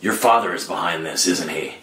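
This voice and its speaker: A man's voice: sits low, a little fast, bright, forceful tone. Man playing grim, hard-edged Batman in echoey room. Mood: suspicious. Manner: terse, demanding, confrontational. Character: Batman, grim, distrustful, commanding vigilante hero. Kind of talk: dramatic screenplay table read. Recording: roomy echo with noticeable background noise.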